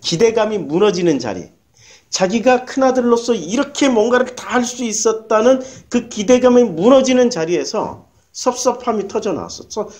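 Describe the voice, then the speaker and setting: A man's voice: sits high, a little mellow. A man preaching a sermon as pastor, asking his listeners questions and answering them himself, and acting out short quoted lines.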